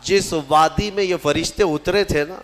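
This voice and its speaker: A man preaching a sermon as a storyteller, impassioned and rising to loud declamation, slowing into chanted recitation. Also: sits high. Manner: recites scripture in slow chant. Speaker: Islamic preacher.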